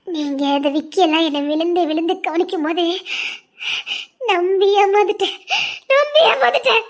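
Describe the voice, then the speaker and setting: A betrayed young pregnant wife in a TV serial, weeps and shouts her accusations in a very high, piercing voice. Her anger comes out through bitter, tearful laughs. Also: normal speed. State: crying. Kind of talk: TV serial acting.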